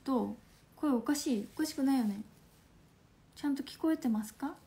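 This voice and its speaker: A woman in her twenties from Fukuoka, Japan, hosts a casual livestream from home on her phone, reading viewer comments in a Hakata dialect. Her voice is high and fairly quick; she's playful, laughs often and slips into soft asides.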